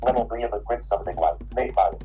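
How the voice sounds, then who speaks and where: A man's voice: fairly low pitch, very fast, crowd noise, poor audio. A man on a tech stream dictating clipped, repetitive computer commands. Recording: music playing in the background.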